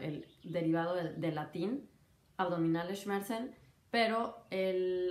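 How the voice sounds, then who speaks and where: A woman doctor with a Mexican Spanish accent talks through a lesson in a relaxed, chatty way, throwing in asides and examples. Her voice sits a little low. The room around her has a noticeable echo. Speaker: doctor teaching medical German. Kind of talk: casual spoken lesson.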